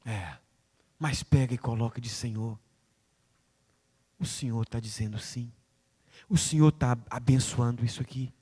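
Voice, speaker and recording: A man's voice: mid-range voice, measured pace, long pauses, mellow, breathy edge. A man preaching a sermon, acting out prayers and God's replies and calling on listeners by name. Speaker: pastor. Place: church hall. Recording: long reverb of a church hall.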